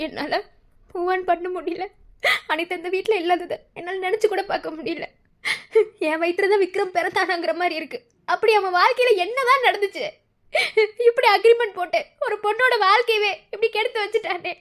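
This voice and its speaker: A woman voicing a weeping, shrill cartoon mother-in-law. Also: a little fast, a bit bright. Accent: Madurai Tamil. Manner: weeping, heartbroken. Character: grieving mother-in-law who misses her son's wife.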